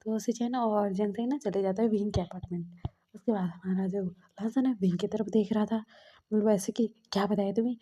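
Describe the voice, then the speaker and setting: A woman's voice: medium pitch, fairly even intonation, moderate pace, dark tone, breathy edge. A woman casually retelling a love story in a chatty way, full of fillers.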